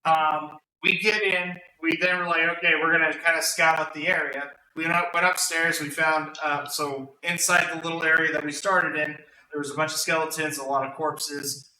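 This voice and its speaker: A man talks his friends through what happened in their tabletop game, rambling and correcting himself as he goes. His voice is bright and sits a little high. The recording is roomy, with a mic set some distance away and a faint hum underneath. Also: flat delivery, normal speed. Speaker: tabletop player recapping the session. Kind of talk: casual recap among friends.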